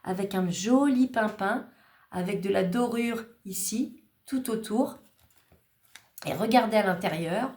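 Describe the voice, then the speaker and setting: A woman's voice: medium pitch, a little slow, pauses often, darkish tone. A woman hosting a craft channel, casually showing cards she was sent and thanking each maker in a chatty, grateful way with small hesitations. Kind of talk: casual show-and-tell of cards. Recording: echoey room.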